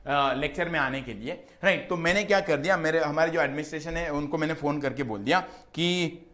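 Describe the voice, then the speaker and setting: A male lecturer with an Indian accent teaches law in a chatty, conversational way. His voice sits a little higher than usual for a man. He keeps checking with his class and slips English terms into his explanations. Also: brisk, fairly bright tone. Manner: mixes English terms into Hindi speech.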